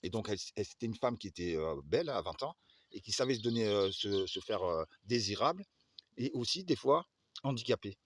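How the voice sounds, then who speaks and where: A man's voice: on the low side, expressive, fairly quick, no room sound. A man from the Agen area telling a long personal story, hesitant and full of fillers and restarts. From Agen area, southwest France.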